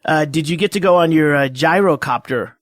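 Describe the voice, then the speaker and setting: A man co-hosting a podcast with a slightly high-pitched voice. He talks in halting bursts and delivers dry, deadpan jokes during casual chat. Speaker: podcast co-host and producer.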